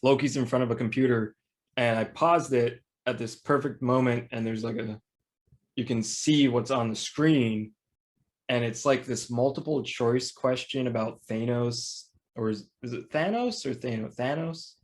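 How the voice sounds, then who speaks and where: A man's voice: medium pitch, steady tone, unhurried. Chatty man laughing on a podcast. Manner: laughs easily, loose and chatty. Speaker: podcast co-host. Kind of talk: casual chat.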